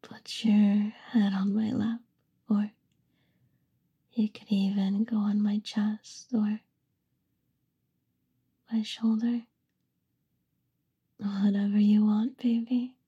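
A woman's voice: mid-range voice, flat delivery, slow, pauses often, warm tone, slightly rough, highs cut off. A young woman whispering an affectionate, soothing ASMR roleplay. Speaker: ASMR performer.

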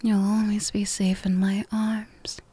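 A woman whispering in a soft, affectionate, soothing manner in a comfort roleplay. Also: mid-range voice, little pitch movement, slow, slightly rough, no room sound. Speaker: ASMR roleplay performer.

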